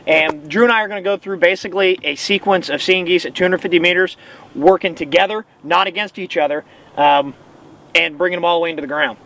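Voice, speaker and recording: High-pitched man giving emphatic hunting instruction. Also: fast talker, a bit bright, low-quality recording. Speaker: goose-calling instructor and hunter. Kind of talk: casual instructional talk to camera. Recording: outdoor hum and faint vehicle noise.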